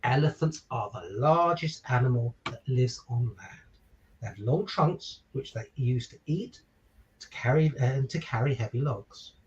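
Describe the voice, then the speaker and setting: A man filling in as a children's story reader reads a picture book aloud a little slowly, his medium-pitched voice full of lively intonation. Talking over a virtual call far from the mic, he poses questions and makes chatty asides, with lo-fi sound and a little hiss or hum.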